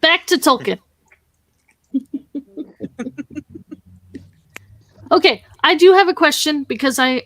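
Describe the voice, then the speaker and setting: A woman's voice: a little high, a bit bright. A woman in a casual group discussion, asking curious questions. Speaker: panelist.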